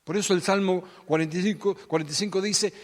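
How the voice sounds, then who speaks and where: Pastor guy, high voice, dramatic sermon, acts out the characters, big echoey church hall. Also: quick pace. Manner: dramatic, acts out Bible voices, swings loud and soft. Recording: long hall reverb.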